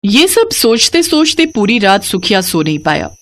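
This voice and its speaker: Expressive woman narrating a kids story. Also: medium pitch, normal speed.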